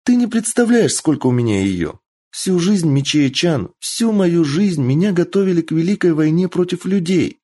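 A man's voice: on the high side, very animated, moderate pace, warm tone, voice pushed up. A man reading a story aloud, voicing a playful, cheeky young female fox spirit with a bubbly, singsong manner. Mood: exuberant. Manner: bubbly, singsong, childishly eager.

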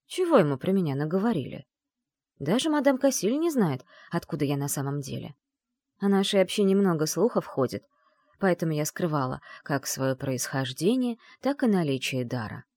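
Expressive woman narrating an audiobook. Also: sits low, no echo. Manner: expressive, animated storytelling. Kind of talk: first-person audiobook narration.

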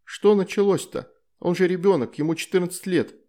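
A man's voice: sits high, brisk, warm tone, voice pushed up. A man voicing a playful, teasing demoness wife and mother in an audiobook story.

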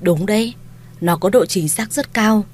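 A woman voicing a kind, shrewd young mistress of a household, speaking in a gentle, coaxing, reassuring way. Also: mid-range voice, unhurried, natural voice.

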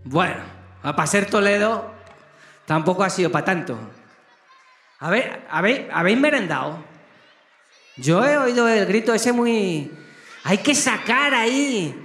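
A man's voice: sits high, animated, measured pace, pauses often, a bit bright. A man on stage at a children's concert, playfully coaxing the crowd with questions and jokes. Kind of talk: live concert banter to a crowd of kids. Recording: echoey live stage with music.

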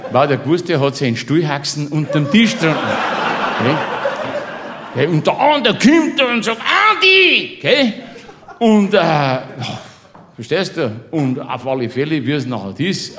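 A man with a Bavarian accent telling a comic story in dialect, laughing through it and tossing chummy asides to the listener. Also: medium pitch. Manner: boisterous, keeps laughing through his own tale.

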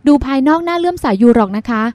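A lively young woman , read by a woman narrator, chatters politely in an audiobook. Her voice sits high and is recorded close and dry, with no room around it. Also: very fast, no room sound. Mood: chatty. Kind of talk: audiobook dialogue.

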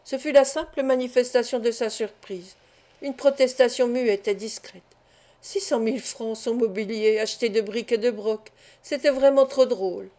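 A woman reading a novel aloud at an even, measured pace. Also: fairly high pitch. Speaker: audiobook reader. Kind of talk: scripted narration.

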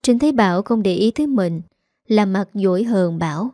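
A woman's voice: medium pitch, moderate pace, dry recording, clean studio sound. A woman narrating a serialized story aloud, reading every character in the same voice. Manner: reads all characters in one even voice.

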